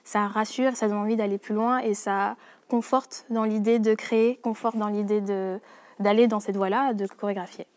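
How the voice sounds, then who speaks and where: A woman's voice: mid-range voice, fairly even intonation, moderate pace, darkish tone. A woman in her twenties from French Guiana, a dancer and choreographer, talking about her work in an interview with frequent hesitations and restarts. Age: 20s. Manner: hesitant, many fillers and restarts. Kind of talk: interview monologue.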